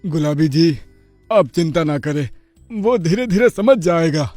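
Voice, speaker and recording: A man voicing a patient, fatherly bull who reasons calmly with his son in a cartoon story. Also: on the high side, measured pace, no room sound, faint music behind, natural voice. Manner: calm and persuading.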